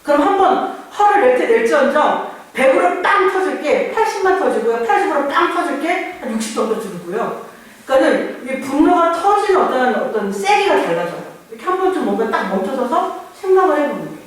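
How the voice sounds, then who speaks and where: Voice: high-pitched, very animated, a little fast. A pastor giving a conversational sermon, acting out people's inner voices along the way. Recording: very echoey church, far mic.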